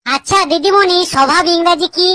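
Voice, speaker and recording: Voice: very high-pitched, a little fast, bright, forceful tone, no echo. Cheeky cartoon schoolboys. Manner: cheeky, smart-alecky. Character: cheeky schoolboys giving silly answers.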